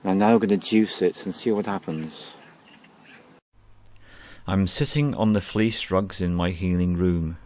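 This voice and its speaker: Slow, meditative man narrating. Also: sits low, darkish tone, a little hiss or hum. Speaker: spiritual vlogger. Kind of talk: calm reflective narration. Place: small room at home.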